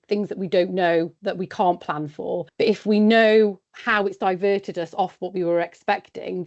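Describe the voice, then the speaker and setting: A woman in her forties talks easily and practically, as if chatting across a kitchen table. Her voice sits at an ordinary middle pitch. The recording is somewhat dull and lo-fi. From West Wales. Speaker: independent sheep consultant. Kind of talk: podcast interview. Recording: dull, lo-fi sound.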